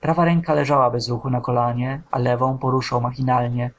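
A man reading a literary novel aloud as an audiobook narrator, in a slow, measured, somber way. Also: mid-range voice, flat delivery.

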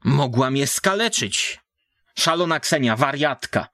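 A man's voice: medium pitch, expressive, a little slow, pushed and bright, no room sound, clean studio sound, pitched above the performer's own voice. Man voicing a shaken police commissioner.

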